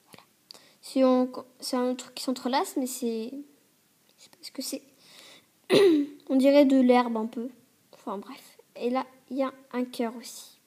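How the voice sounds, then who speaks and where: A woman with a rough, hoarse voice pitched a little high talks her way through a casual show-and-tell review. She rambles, hesitates, corrects herself and keeps coughing and clearing her throat. It sounds like it was picked up by a tablet's built-in mic. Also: a little slow, mellow. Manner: chatty and hesitant, many fillers and self-corrections. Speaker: doll reviewer.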